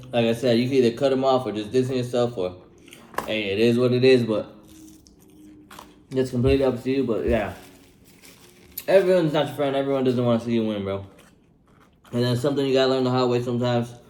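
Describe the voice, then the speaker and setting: A man's voice: mid-range voice, a little fast, long pauses, darkish tone. A man in his twenties giving casual life advice in a slangy, laid-back way, repeating himself and tagging lines with "bro" while he eats. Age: 20s. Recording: echoey room.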